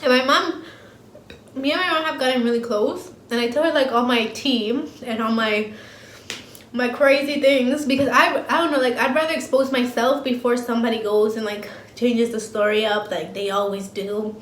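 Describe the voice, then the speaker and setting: A woman's voice: a little high, fairly even intonation, normal speed, a little hiss or hum. A young woman vlogger chatting casually while eating, blunt and slangy, laughing easily. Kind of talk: casual mukbang chat. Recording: roomy home sound with faint ambience.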